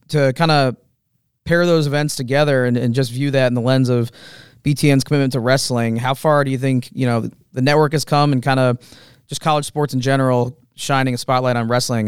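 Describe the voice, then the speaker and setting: A man hosting a sports podcast, with a very smooth, resonant voice at a middle pitch. He asks easygoing, loosely phrased questions, recorded close and dry. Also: no room sound. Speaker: podcast host. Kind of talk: interview questions.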